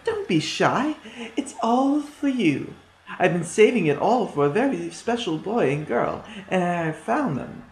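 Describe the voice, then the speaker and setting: A man voicing a cunning female witch who eats children, speaking in a drawn-out, sugary, menacing way. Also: sits high, big pitch swings, creaky, slight background noise, voice pushed up, heavily acted. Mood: coaxing. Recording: echoey room.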